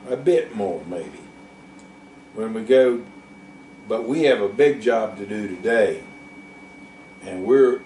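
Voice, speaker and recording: A man's voice: lowish voice, slight background noise. A man voicing an older male work animal who patiently encourages his younger partner. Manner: encouraging, steady. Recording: roomy, distant, faint background.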